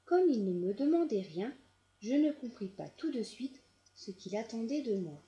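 A woman reading a children's audiobook aloud in a gentle, measured storytelling manner. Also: a little high, big pitch swings, dull audio. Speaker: storybook narrator.

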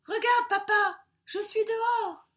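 Woman reading as a young male bird: high, loud, keen, bold. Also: lively intonation, moderate pace. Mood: eager.

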